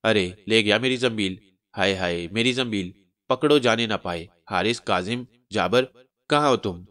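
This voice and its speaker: A man voicing a skinny, panicky male trickster who shouts in flustered bursts. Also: lowish voice, unhurried, no room sound.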